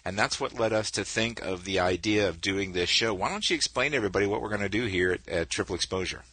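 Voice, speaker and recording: A man's voice: on the low side, quick pace, pushed and bright, dry recording. A middle-aged man hosting a podcast, upbeat with an announcer-like delivery. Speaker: podcast host. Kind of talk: casual podcast chat.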